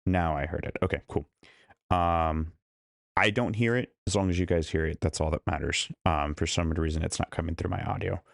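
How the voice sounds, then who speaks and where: A man hosts a casual live stream from a hotel room, greeting viewers one by one and chatting as his voice wears out. His low, creaky voice moves at normal speed with no echo, picked up by a studio microphone plugged into a laptop.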